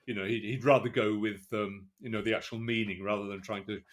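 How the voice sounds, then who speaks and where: A man's voice: on the low side, fairly even intonation, fairly quick. Hesitant man co-hosting a podcast. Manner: hesitant, many fillers and restarts. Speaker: podcast co-host. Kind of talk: casual chat.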